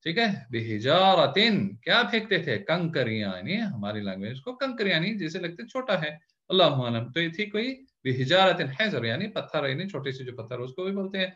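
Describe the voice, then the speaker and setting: A male teacher working slowly through a word-by-word scripture grammar lesson. His voice is animated and moves up and down a lot as he repeats words and meanings and checks that his students follow. The recording sounds a little dull and lo-fi. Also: on the high side. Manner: keeps checking in with "theek hai na?".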